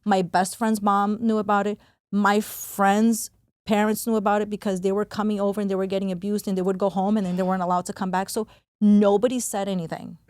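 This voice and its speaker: Woman guest from New York, candid rapid interview talk, middle voice, dry close mic. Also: medium pitch, level tone, darkish tone, smooth, dry recording. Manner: rapid, full of "like" and "you know", re-enacts quotes. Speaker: podcast guest.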